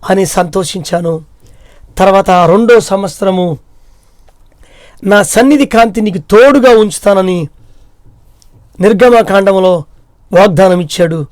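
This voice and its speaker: A man's voice: sits high, a little slow, pauses often, a little mellow, no room sound, studio quality. A middle-aged man from India with a Telugu accent, a pastor telling his personal testimony in a repetitive, pleading way. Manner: repetitive, pleading, tearful retelling.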